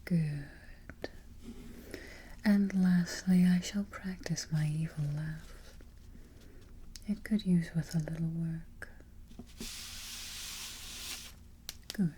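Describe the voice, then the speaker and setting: A woman playing an imperious, fussy, vain evil queen in a darkly comic ASMR roleplay, with a soft, breathy near-whisper, close to the microphone and haughty in her phrasing. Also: sits low, steady tone, slight background noise. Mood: commanding. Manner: deliberate, haughty, formal phrasing.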